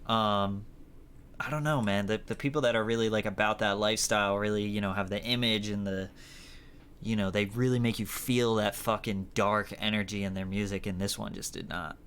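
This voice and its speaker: A man's voice: on the low side, steady tone, moderate pace, fairly bright tone, slight background noise. A man hosting a music review show, giving a blunt, rambling critique full of fillers and swearing. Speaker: host reviewing music submissions. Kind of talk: casual critique.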